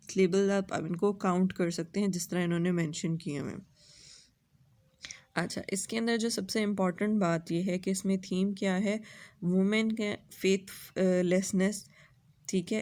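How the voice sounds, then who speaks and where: Slow, mellow-voiced woman teacher. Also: mid-range voice. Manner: mixes Hindi and English, asks the class questions and answers them herself; drawls out the English words slowly. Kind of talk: lecture explaining a poem's rhyme scheme.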